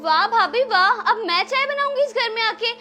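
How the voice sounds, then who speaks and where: Indignant young married daughter, played by a woman, scolding, very high bright voice, soft music. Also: moderate pace. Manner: scolding, confrontational.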